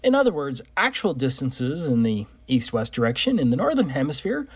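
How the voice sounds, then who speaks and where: A man narrates a conspiracy video in steady, declarative sentences. His voice is a bit husky, with lively pitch. It comes from a dull, lo-fi replayed clip. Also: a little fast.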